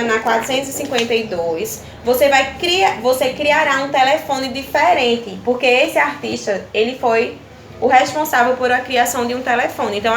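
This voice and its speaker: Young Brazilian woman, primary teacher on a video lesson, patient, fry in the voice, echoey room with faint background hum. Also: on the high side, fairly bright tone. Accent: Brazilian Portuguese. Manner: patient, repeats "tá certo?" to check in with pupils. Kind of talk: recorded video lesson for children.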